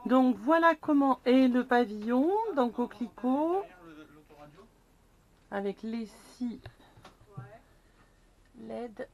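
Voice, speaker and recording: A woman's voice: fairly high pitch, animated, slow pace, pauses often, lo-fi sound. A woman narrating her own vlog in a casual, chatty way, laughing often as she films inside a camper van on a handheld camera. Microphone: handheld action camera.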